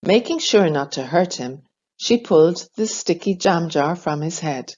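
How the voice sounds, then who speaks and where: A woman reading a children's storybook aloud, slow, clear and expressive. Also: fairly low pitch, muffled recording.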